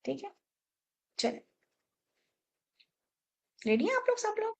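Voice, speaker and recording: A woman teaching an online Quran memorization class, giving brisk instructions, checking in often with her students, and slowing down to recite verses. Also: extremely high pitch, very animated, vocal fry. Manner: switches between brisk instructions and slow, drawn-out recitation of verses; checks in often with the class, repeating short questions.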